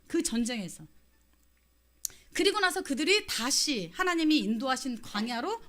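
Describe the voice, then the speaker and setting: Lively high-voiced Korean woman preaching. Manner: animated storytelling, acting out quoted voices. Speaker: pastor's wife preaching. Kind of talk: Christmas sermon to a congregation.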